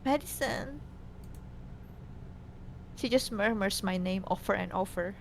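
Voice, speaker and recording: Creaky and steady-toned at normal speed, a woman narrates a visual novel aloud as a co-host, now and then tripping over the reading. A low rumble sits behind her in a noisy recording.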